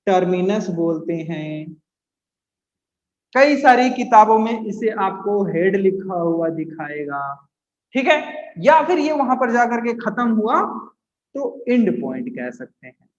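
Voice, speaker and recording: A man teaching physics to students, coaxing them along and slowly repeating key terms. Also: high voice, expressive. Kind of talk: classroom lecture to students. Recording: echoey room, dull lo-fi sound.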